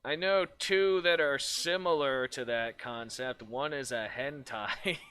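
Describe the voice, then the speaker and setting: A man's voice: mid-range voice, slow, bright, forceful tone, smooth. A man streaming as a virtual streamer in casual chat, laughing often, swearing freely and rambling with restarts.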